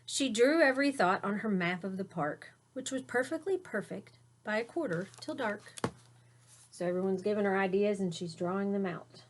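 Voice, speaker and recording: At medium pitch and normal speed, with slight background noise, a woman reads a children's storybook aloud in a teacherly, expressive manner. She breaks in with simple explanations so young listeners can follow.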